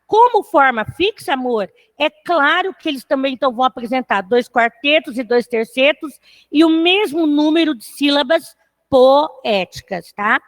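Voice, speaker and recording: Woman, high-pitched, patient online literature teacher who checks in with students after most phrases. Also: expressive. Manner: counts syllables aloud slowly. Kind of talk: online class lecture.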